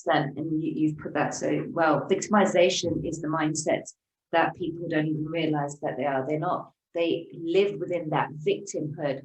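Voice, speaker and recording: A woman hosting an interview, talking in an effusive, encouraging way with halting restarts. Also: low-pitched, steady tone. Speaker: interview host. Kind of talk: conversational interview. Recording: roomy echo, distant from the mic.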